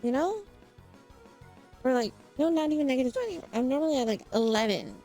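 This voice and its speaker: A woman's voice: sits high, very animated, a little fast, soft background music. A woman streamer in casual chat, rambling and tripping over her words, her mic clipping and distorted. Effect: clipping, distorted loud mic. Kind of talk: casual chat while gaming.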